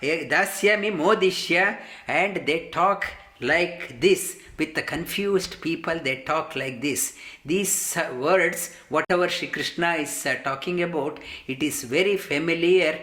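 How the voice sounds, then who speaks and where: A man's voice: a little high, unhurried, fairly bright tone, roomy sound. A man teaching scripture, reciting Sanskrit verses line by line and then explaining them with many fillers and restarts. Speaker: yoga teacher.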